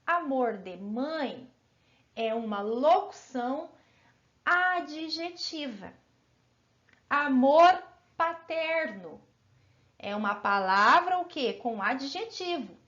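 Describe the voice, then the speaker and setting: Woman teacher, high voice, encouraging classroom delivery, dull lo-fi sound. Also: animated, a bit bright. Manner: encouraging, asks pupils frequent check-in questions; stretches out example words slowly. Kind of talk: grammar lesson for children.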